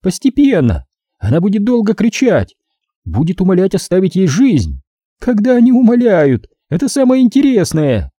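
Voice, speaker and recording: A man voicing a sadistic young woman kidnapper who gloats and taunts in a shrill, high voice in an audiobook. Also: wildly swooping pitch, normal speed, mellow, dry recording, clean studio sound, heavily acted. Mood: gloating. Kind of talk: audiobook character voice.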